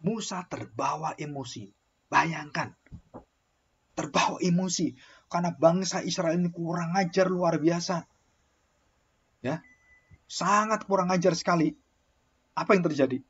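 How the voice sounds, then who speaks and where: Husky-voiced preaching man. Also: high-pitched, highs cut off. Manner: animated storytelling, acts out quoted voices. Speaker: pastor. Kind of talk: sermon.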